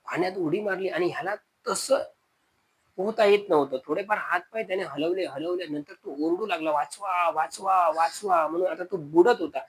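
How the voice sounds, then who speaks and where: A man's voice: high-pitched, fairly quick, slightly rough, rough recording. A man telling a spoken horror story, calling his listeners friends and repeating words to build suspense.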